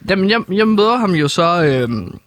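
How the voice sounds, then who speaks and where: A man's voice: high-pitched, sing-song, a bit bright, no echo. A young man improvising a comedy bit as a bumbling musician, rambling and hesitant with many restarts. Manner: rambling, hesitant, full of restarts, bursts into singing. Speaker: comedy co-host playing a musician.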